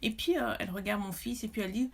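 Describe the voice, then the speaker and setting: A woman's voice: mid-range voice, quick pace, creaky, slight background noise. A woman from Belgium, telling her story as a mother, emotional and indignant, with many hesitations. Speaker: mother testifying. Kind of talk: personal testimony to camera.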